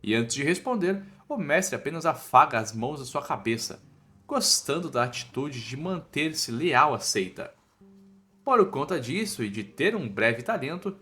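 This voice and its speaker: Music runs behind this man's mid-range voice, which is bright and forceful. He has a Brazilian accent and narrates a scripted recap of a comic story, keeping it playful and colloquial like a storyteller.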